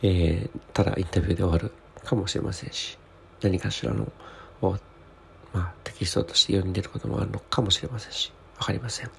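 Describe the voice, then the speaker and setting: Hushed, creaky-voiced man talking quietly at night. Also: deep voice, steady tone, brisk, slight background noise. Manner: hushed, whispery, quiet late-night talk; humble, very polite. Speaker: podcast host. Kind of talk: spoken audio diary. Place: small toilet room indoors.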